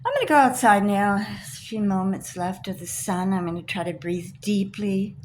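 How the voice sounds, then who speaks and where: A woman's voice: mid-range voice, animated, moderate pace, a little mellow, slight background noise, rough recording. A woman, older, ranting to camera in an indignant, emphatic way about being let down. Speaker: vlogger. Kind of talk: personal rant to camera.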